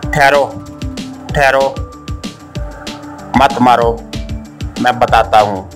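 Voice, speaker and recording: A man's voice: medium pitch, steady tone, unhurried, fairly bright tone, soft background music, natural voice. A man voicing a captured, panicked army captain in an audiobook, stammering and flustered. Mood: frightened. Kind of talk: audiobook character reading.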